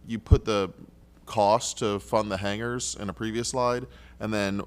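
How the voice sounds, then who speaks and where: Council member, male, lowish clean voice; polite, halting questions, desk mic in chamber. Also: fairly even intonation, clean tone. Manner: polite, halting, thinks aloud with restarts.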